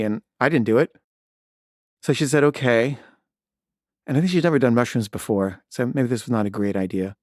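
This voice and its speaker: A man's voice: mid-range voice, darkish tone, no echo, studio quality. A man telling a candid personal story in a casual, rambling way, full of "like" and "you know".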